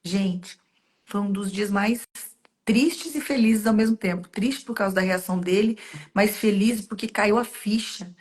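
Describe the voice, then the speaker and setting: A woman's voice: mid-range voice, a little slow, darkish tone. A woman hosting a faith-based conversation, telling stories earnestly and making heartfelt direct appeals to the listener. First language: Portuguese. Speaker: host.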